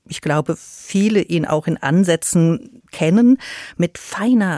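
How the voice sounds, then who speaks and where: A woman's voice: deep voice, warm tone, no room sound, clean studio sound. A woman on a radio show who presents a story podcast and speaks enthusiastically and explains things. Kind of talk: radio interview.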